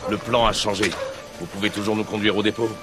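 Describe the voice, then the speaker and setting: A man's voice: lowish voice, little pitch movement, fast talker, lightly acted. A man voicing a tough resistance fighter in a dubbed video game, curt and commanding, with music behind. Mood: terse.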